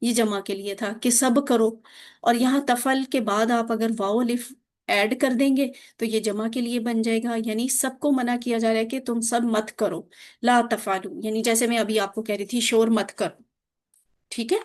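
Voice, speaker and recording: A woman teacher giving a grammar lesson over a video link, drilling forms with slow, patient repetition. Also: on the high side, fairly even intonation, a little mellow. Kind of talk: online Arabic grammar lesson.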